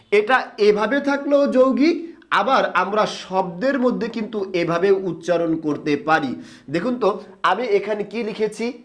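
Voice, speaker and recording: A man teaching a grammar lesson on video, asking questions and then answering them himself, and drawing sounds out slowly for the viewer to repeat. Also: sits high. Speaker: Bengali grammar instructor.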